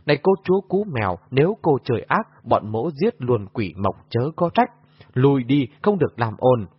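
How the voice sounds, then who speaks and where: A man voicing a boastful young male attendant in an audiobook, talking loud, fast and mocking, recorded in a muffled lo-fi way. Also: mid-range voice, very animated, husky, no room sound.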